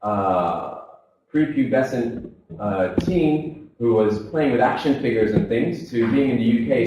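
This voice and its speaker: Captured in a muffled, echoey recording from far off in a seminar hall, a man in his thirties speaks with a fairly low, slightly mellow voice. His motivational talk tells his life story, with the voices of the people in it acted out.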